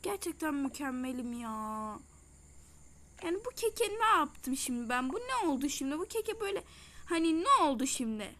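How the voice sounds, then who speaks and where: Very high bright-voiced young woman chatting slowly in her kitchen vlog, jokey and self-mocking. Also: very animated, a little hiss or hum. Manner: chatty, dramatic outbursts and self-mocking complaints. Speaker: vlogger. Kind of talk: casual vlog chat while baking.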